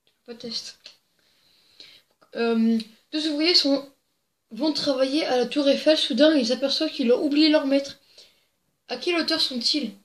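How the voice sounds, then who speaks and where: A young woman with a high voice and a fairly bright tone hosts a joke-telling video. Reading jokes casually to camera, she giggles, rambles and slips in crude asides; the sound comes from a plugged-in desk microphone in an echoey room.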